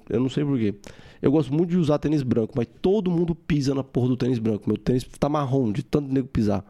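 A young man hosting a podcast, telling a personal story in a casual, animated way with some swearing. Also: medium pitch. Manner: animated, swearing, acts out his own quotes. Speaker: podcast host.

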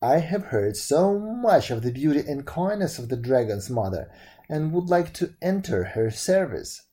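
An earnest, courteous young prince from a storybook, voiced with a mellow, warm tone by the narrator. He sounds polite and sincere, close to the reader's own voice. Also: medium pitch, very animated, measured pace.

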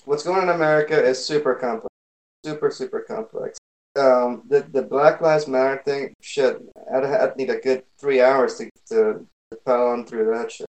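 A man's voice: medium pitch, steady tone, normal speed, darkish tone, low-quality recording. A man hosting a podcast, chatting casually and bluntly, swearing now and then.

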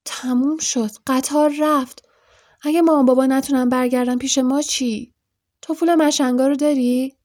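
A woman voicing an eager, excitable boy wizard in an audiobook, talking in quick, urgent bursts. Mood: worried. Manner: quick, urgent, high-pitched outbursts. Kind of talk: audiobook character voice.

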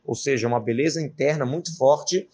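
Fast-talking man teaching Torah. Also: mid-range voice. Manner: lively, colloquial, with Hebrew terms and slang. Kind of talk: casual Torah lesson, retelling a Talmud story.

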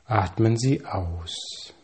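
A man calmly reading scripted guided relaxation instructions, with measured pauses and slow counting. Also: on the low side, breathy edge.

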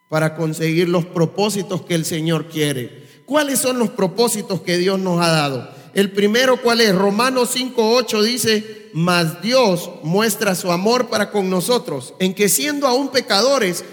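A man with a notably high voice preaches a sermon, quizzing the congregation with rhetorical questions as he goes. His words ring out with a long reverb from the church hall around him. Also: expressive, unhurried. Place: church service.

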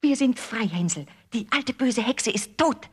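A woman's voice: sits high, normal speed, a little mellow, voice pushed up, natural voice. A woman voicing a frightened little girl in a storybook reading, pleading and tearful. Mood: joyful.

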